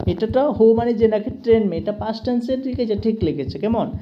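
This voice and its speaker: A woman's voice: on the high side, animated, a little fast, dull audio. A woman with a Tripura Bengali accent teaching English grammar to students, patiently checking that they follow each step. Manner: patient, keeps checking understanding with "ঠিক আছে?".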